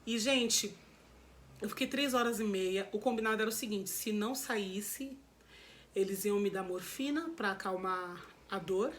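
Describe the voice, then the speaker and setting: A woman's voice: mid-range voice, measured pace, slight background noise. A woman with a Brazilian Portuguese accent, telling her viewers a personal story in a candid, emotional vlog. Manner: emotional, candid, repeats herself and addresses viewers as "gente". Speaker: vlogger.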